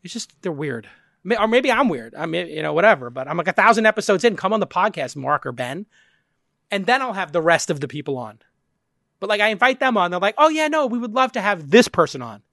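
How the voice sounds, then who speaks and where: A man hosting a podcast in casual, rambling conversation, animated and swearing casually. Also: high-pitched, quick pace, vocal fry, dry recording, clean studio sound. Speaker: podcast host.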